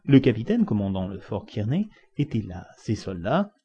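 A man's voice: lowish voice, very animated, normal speed, mellow. A man reading a classic novel aloud with dramatic, varied emphasis. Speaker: audiobook reader. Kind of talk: expressive scripted narration of a classic novel. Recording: dull lo-fi recording.

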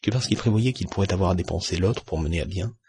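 A man narrating a classic novel as an audiobook, steady and measured, with a husky, gravelly voice. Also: deep voice, slight background noise.

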